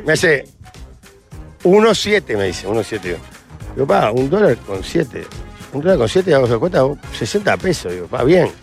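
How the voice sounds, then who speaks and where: Lively man acting out stories. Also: mid-range voice, moderate pace, gravelly, soft background music. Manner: animated, acting out his story. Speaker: radio show co-host. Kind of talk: casual chat among friends.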